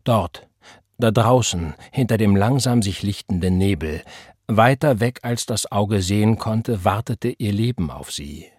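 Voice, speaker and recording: A man narrates a novel in a measured, calm way. His low voice has a husky, breathy edge. The recording is close and dry, with no room sound. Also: no room sound. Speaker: audiobook narrator. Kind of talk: scripted narration.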